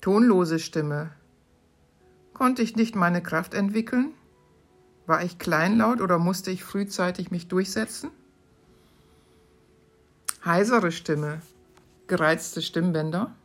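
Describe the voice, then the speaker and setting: A woman hosting her podcast, reading short questions aloud from her own book in a calm, measured way. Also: on the low side, faint music behind. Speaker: podcast host.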